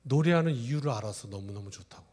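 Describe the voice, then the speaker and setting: A male pastor in his forties preaching a sermon, telling stories, swinging from loud exclamations to hushed asides. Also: medium pitch, expressive, quick pace. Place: church sanctuary.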